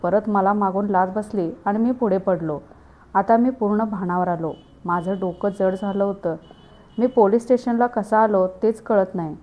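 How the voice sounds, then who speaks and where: A woman narrating a first-person story in a steady, earnest way. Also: medium pitch, normal speed.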